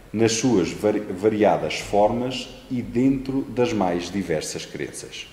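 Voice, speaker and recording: A man's voice: on the low side, warm tone. Man lecturing solemnly in an echoey hall. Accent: European Portuguese. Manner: measured, solemn delivery with frequent restarts. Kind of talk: spiritist lecture. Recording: echoey hall with long reverb.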